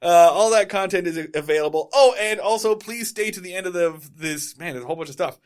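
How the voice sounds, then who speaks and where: Quick and high-pitched, with a clean tone, a man ends his podcast casually as co-host, rattling through plugs in a rambling style and self-correcting throughout.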